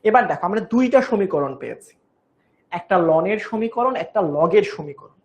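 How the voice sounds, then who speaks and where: A woman's voice: mid-range voice, lively intonation, moderate pace, a little mellow, dull audio. A young woman giving an online chemistry class, patiently repeating each step and coaxing her students along. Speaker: chemistry teacher.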